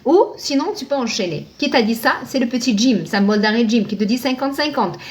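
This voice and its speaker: A woman's voice: on the high side, lively intonation, brisk. A woman teaching Arabic reading live online, patient, posing questions and answering them herself, thanking viewers by name.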